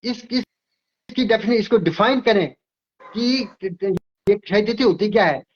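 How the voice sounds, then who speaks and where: An older astrologer from Himachal Pradesh speaks in a high-pitched voice, lecturing emphatically and repeating himself as he explains. The audio is dull and lo-fi. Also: unhurried. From Himachal Pradesh, India. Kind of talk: interview.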